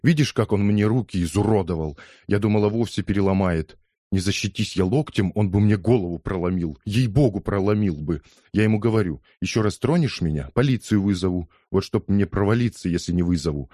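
A man's voice: on the low side, fairly quick, warm tone, no echo, clean studio sound, close to an everyday voice. A man voicing an indignant older woman who scolds and rambles in an audiobook. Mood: outraged. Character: indignant older woman, loud gossiping mother. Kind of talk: audiobook character voice.

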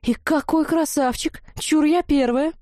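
A woman voicing a bold, bossy young redheaded witch who talks in a lively, dismissive way. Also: fairly high pitch, moderate pace, no room sound, clean studio sound, pitched above the performer's own voice, natural voice. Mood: excited.

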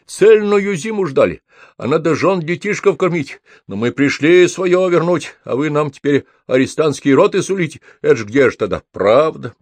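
A man's voice: a little high, lively intonation, moderate pace, darkish tone, dry recording, pitched above the performer's own voice. A man voicing a peasant work-crew elder who pleads, close to sobbing. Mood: pleading.

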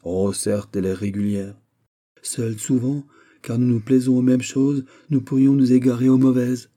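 A man's voice: medium pitch, normal speed, voice pushed up, natural voice. A man doing a sly, coquettish princess. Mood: teasing. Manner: soft, sly and calm. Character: a coquettish princess, teasing and cool.

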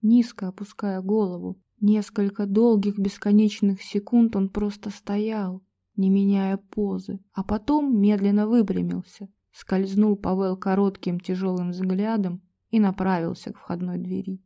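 Mellow-voiced woman narrating a tense novel. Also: mid-range voice, little pitch movement, unhurried. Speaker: audiobook narrator. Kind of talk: dramatic audiobook narration.

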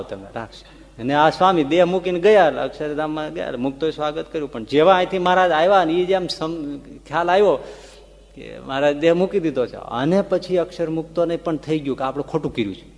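A man retelling a devotional story as a sermon, his voice rising with feeling and dropping soft for the tender parts. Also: fairly high pitch, animated, a little fast. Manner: tells the story with emotional rises and soft dips. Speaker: religious storyteller. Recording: long reverb of a large hall.

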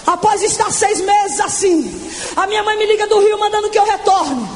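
In a shouting, fervent evangelical sermon, a twenty-something woman shares her testimony, elongating words for emphasis. Her voice is very high and her pace moderate, and a slight hiss or hum runs through the audio.

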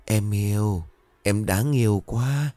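A man's voice: on the low side, warm tone, no room sound, clean studio sound. A leering possessed young man, as a man puts him on. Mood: leering, crooning. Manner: slow, sleazy crooning.

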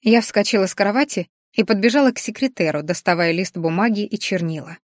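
A woman reading a first-person audiobook with a lively, heated telling. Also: mid-range voice, brisk, dry recording, studio quality. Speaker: audiobook narrator.

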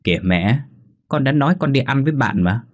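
Man putting on a young woman, higher-pitched, defiant, talks back, audio ghost story, husky timbre. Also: expressive, brisk, natural voice. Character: defiant young daughter-in-law, pregnant.

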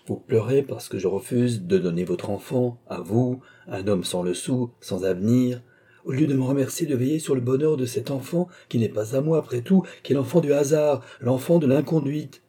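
A man voicing a domineering husband who sneers and shouts at his wife, in a dark, husky voice. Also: mid-range voice, normal speed, pitched above the performer's own voice, natural voice. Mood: sneering.

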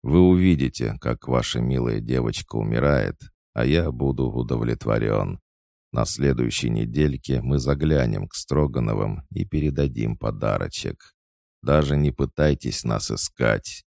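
A cruel bandit boss snarls threats and barks orders to his men, as a male audiobook reader puts him on. The voice stays deep and gravelly, pushed louder and higher than the reader's own. It is dry and close, with no room around it. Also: a little slow, no room sound, heavily acted. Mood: menacing. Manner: menacing and shouting orders.

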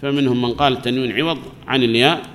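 A man's voice: mid-range voice, fairly even intonation, a bit bright. Man teaching grammar in a reverberant hall. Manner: explains slowly, asks the class questions and answers them himself. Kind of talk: classroom lesson. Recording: long hall reverb, faint background noise.

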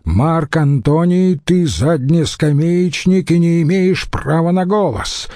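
A man's voice: a little high, takes it slowly, mellow, no echo, clean studio sound, voice pushed up. A male audiobook reader voicing a stern elderly Roman consul with a barking, commanding manner. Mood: threatening.

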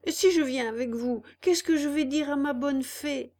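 A woman's voice: high-pitched, moderate pace, a little mellow, voice pushed up. Woman doing a headstrong wooden puppet boy. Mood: pleading.

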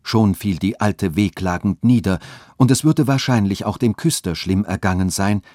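A man calmly narrating a radio story. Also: fairly low pitch, normal speed, dry recording, clean studio sound. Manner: calm, even storytelling.

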